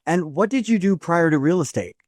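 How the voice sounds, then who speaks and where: A man's voice: a little high, lively intonation, a little fast, darkish tone, no echo, studio quality. A man hosting a podcast, reading a scripted opening and then chatting with a guest in a friendly way, with some fillers and restarts. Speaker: podcast host. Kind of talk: podcast interview.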